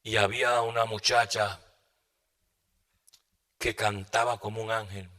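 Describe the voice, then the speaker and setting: A man preaching a sermon, telling a testimony dramatically and moving between loud bursts and hushed asides. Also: lowish voice, level tone, measured pace.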